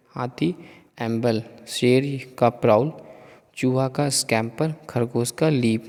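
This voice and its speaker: Slow-paced man reading word lists. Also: mid-range voice, a little mellow, long reverb tail. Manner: reads word pairs one by one with pauses. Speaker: teacher.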